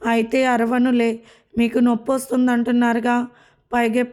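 A woman's voice: fairly high pitch, monotone, moderate pace, a little mellow, natural voice. A woman reading a storybook voices a frightened young wife in labour who complains and pleads. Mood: petulant.

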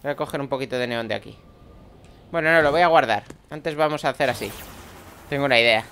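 A man's voice: medium pitch, quick pace, a bit bright, a little hiss or hum. A man commenting on his gameplay playfully, voicing little sound effects as he plays. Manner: playful, makes sound effects while playing. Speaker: let's play host. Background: game music.

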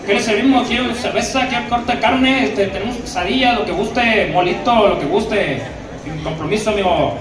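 A man's voice: sits high, moderate pace, lightly acted. A man doing a blunt waiter with a northern Mexican accent. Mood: brusque. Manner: blunt, clipped, forceful. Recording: echoey hall, distant mic, crowd noise.

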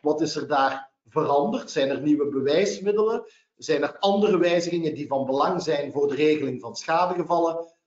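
A man's voice: a little high, a little mellow. A Belgian man opening a legal webinar, laying out practical points and the agenda one by one in a formal, orderly way. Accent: Belgian Dutch. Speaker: webinar host and lawyer. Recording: roomy, dull webinar audio.

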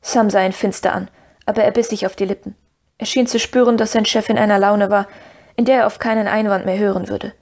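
A woman narrating a fantasy audiobook in an even, steady storytelling manner. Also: mid-range voice, fairly quick.

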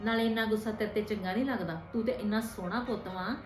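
A woman playing a patient stepmother who softly coaxes and pleads with her stepson in a homemade family drama. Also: medium pitch, steady tone, fast, lightly acted. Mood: pleading, gentle. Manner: soft, coaxing, affectionate pleading. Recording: roomy room with faint music.

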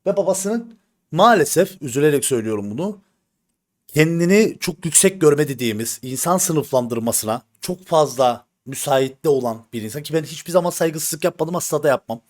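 A man's voice: on the high side, lively intonation, normal speed, a little mellow. A man streaming live, venting bluntly to his viewers with slang and swearing, and repeating himself for emphasis. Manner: addresses the audience directly, repeats himself for emphasis. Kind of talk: casual stream talk to viewers.

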